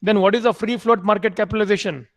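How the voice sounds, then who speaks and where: Brief: high-pitched male lecturer, repeats and quizzes students. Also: fairly even intonation, fast, fairly bright tone. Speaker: MBA lecturer. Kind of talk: online class lecture.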